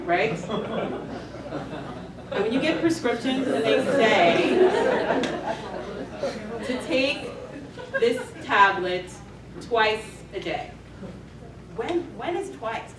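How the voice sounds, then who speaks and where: A woman's voice: a little high, sing-song, very slow, long pauses, over a noisy crowd. A woman giving an emergency medicine grand rounds lecture, emphatic and checking in with "right?". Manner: emphatic, keeps asking "right?". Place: lecture hall. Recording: echoey hall, mic far off, noisy.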